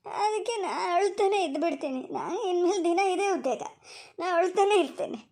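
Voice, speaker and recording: A woman's voice: very high voice, lively intonation, a little fast, darkish tone. A woman with a Malnad Kannada accent voicing a whiny, scheming older mother-in-law in a cartoon, wailing and muttering asides. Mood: fussing scold. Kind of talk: cartoon voice acting.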